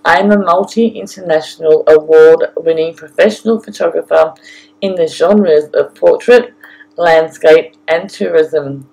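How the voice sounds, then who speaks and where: A woman with an Australian accent reading a scripted audio-guide narration in a deliberate way, addressing the listener directly. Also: low-pitched, vocal fry, darkish tone, poor audio. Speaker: photographer and travel guide narrator.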